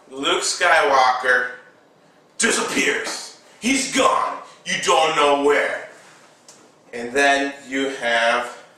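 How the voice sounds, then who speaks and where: A man recapping a movie casually with toy figures, excitable and adding his own sound effects. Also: medium pitch. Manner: excitable, slow storyteller, makes sound effects. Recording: very echoey room, mic at a distance.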